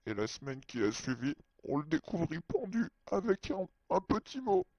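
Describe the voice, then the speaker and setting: A man's voice: on the high side, big pitch swings, normal speed, a little mellow, no echo. A man whose voice is disguised with a voice changer, telling a personal story in a hesitant, childlike way. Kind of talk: halting first-person storytelling. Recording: dry, muffled lo-fi sound.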